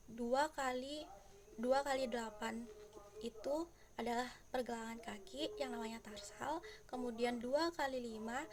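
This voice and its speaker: Woman, teacher, high-pitched, patient step-by-step explaining, speaks directly to viewers. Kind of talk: classroom-style lesson.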